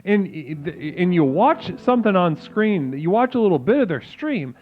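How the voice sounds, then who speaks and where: A man's voice: high voice, big pitch swings, measured pace, phone-quality sound. A man hosting a show, joking around in a theatrical, casual chat with a caller. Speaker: host.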